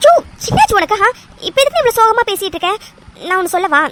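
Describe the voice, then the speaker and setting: A woman's voice: very high voice, very animated, fast, fairly bright tone, soft background music, full character voice. A woman voicing a playful young woman engaged to be married, teasing and affectionate in a cartoon dub. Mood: flustered. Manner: teasing and affectionate, fond of exclamations.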